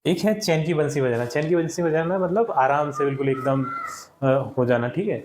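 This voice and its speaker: A man's voice: on the high side, moderate pace, reverberant, background noise. A male teacher patiently walking children through answers step by step in a classroom lesson. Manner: patient, explains step by step, often addresses children.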